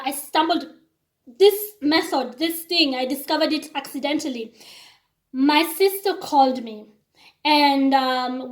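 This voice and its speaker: Talking to camera in a reverberant space, this woman's high-pitched voice carries a Kenyan accent, English not being her native language. As a vlogger she rambles chattily to her viewers, performing the reactions she quotes along the way.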